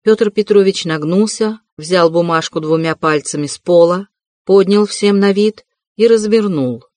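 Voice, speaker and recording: A woman narrating a classic novel as an audiobook, in steady, even storytelling. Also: on the low side, unhurried, no room sound, studio quality.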